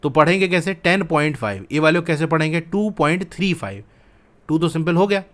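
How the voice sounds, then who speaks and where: A man's voice: on the high side, fairly quick, fairly bright tone. A man teaching a school maths lesson, explaining step by step and asking questions he then answers himself.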